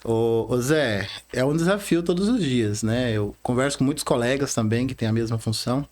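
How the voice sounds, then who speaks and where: A man in his thirties, born in Bahia and raised in Rondônia, whose accent carries that region. He speaks as a podcast guest in an earnest, halting way, with frequent restarts and tag questions. His pitch sits at an ordinary middle for a man. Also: a little mellow. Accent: Rondônia Brazilian Portuguese. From Bahia, Brazil, raised in Rondônia. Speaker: bank branch manager, podcast guest. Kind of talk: casual interview talk.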